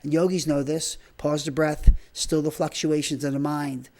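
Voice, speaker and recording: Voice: medium pitch, little pitch movement, moderate pace, darkish tone. A breathwork and movement trainer giving informal, rambling spoken instruction while demonstrating.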